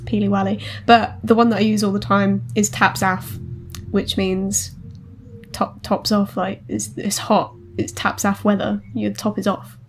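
Playful young woman with a gravelly edge. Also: medium pitch, flat delivery, unhurried, slight background noise. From Essex, England. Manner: playful, teasing, chatty. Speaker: podcast co-host. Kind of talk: casual chat.

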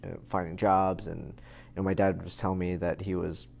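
A man's voice: low voice, little pitch movement, normal speed, vocal fry, darkish tone, a little hiss or hum. A man in his thirties, a guest in a casual conversation, talking in a rambling way with many fillers and restarts. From United States. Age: 30s.

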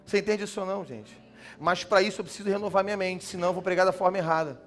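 A man preaching a sermon as a pastor, animated, swinging from loud emphatic lines to soft, slow ones. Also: high-pitched, faint music behind.

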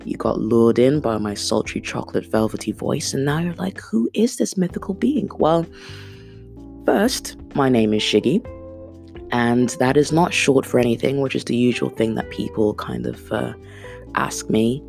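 Faint music plays behind a woman with an extremely low, darkish voice, lively intonation, vocal fry and a moderate pace. She's in her thirties, Kenyan-born with Swahili as her mother tongue, and hosts an unscripted podcast, rambling chattily with plenty of fillers and self-deprecation.

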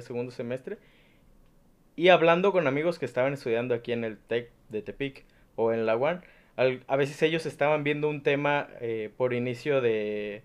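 A man in his twenties with a Nayarit Mexican accent, a student guest talking thoughtfully with many pauses and fillers. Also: mid-range voice. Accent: Nayarit Mexican Spanish. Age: 20s. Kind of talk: casual chat.

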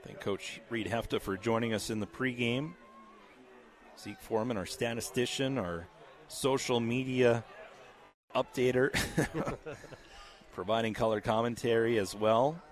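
A scratchy-voiced man gives play-by-play of a high school football game, keeping a steady, measured delivery sprinkled with casual fillers.

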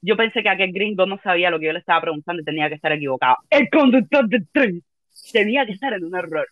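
A woman's voice: on the low side, animated, fast talker, no room sound, highs cut off. A woman with a Cuban accent telling a funny personal story in a dramatic, self-mocking way. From Cuba. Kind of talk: comic storytelling chat.

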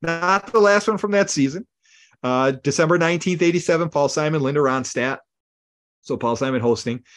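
A man co-hosting a podcast, retelling old comedy sketches in an animated way and acting out lines with gasps and laughs. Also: fairly high pitch, brisk. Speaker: podcast co-host. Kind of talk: casual chat recapping old comedy sketches.

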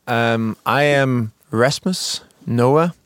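A man's voice: medium pitch, very slow, smooth, no room sound. A man in his twenties from Denmark, co-hosting a podcast in casual chat, hesitant with many fillers and restarts. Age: 20s. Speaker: podcast co-host.

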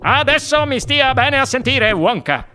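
A woman voicing a blustering, indignant wealthy father who speaks loudly. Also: high voice, big pitch swings, unhurried, voice pushed up, full character voice.

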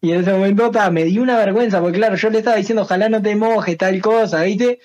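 Un hombre de San José, Uruguay, con acento uruguayo, invitado de una charla, que cuenta anécdotas de forma relajada y con mucha jerga. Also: male voice, high-pitched, quick pace, highs cut off. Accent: Uruguayan Spanish. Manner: relaxed storyteller, slangy, repeats phrases. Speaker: guest, singer and streamer. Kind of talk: casual chat, telling anecdotes.

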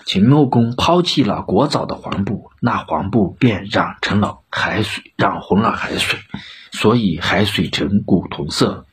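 A man gives voice to a wise old chancellor in an audio storybook. The voice is low and very husky, steady and stern, spelling out his reasoning point by point as if correcting a ruler. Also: heavily acted. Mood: measured. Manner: measured, admonishing. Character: shrewd old male chancellor, calm and stern.

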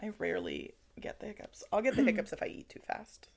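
Here the podcast co-host, a woman in her thirties, speaks fast with a creaky, medium-pitched voice. Her easygoing conversation is packed with fillers, occasionally falling to a near whisper.

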